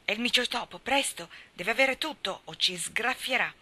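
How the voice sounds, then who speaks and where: A woman's voice: medium pitch, animated, a little fast, gravelly, pushed and bright, heavily acted. A woman voicing a solemn, bossy little boy who plays a priest in a storybook reading, speaking in a commanding way.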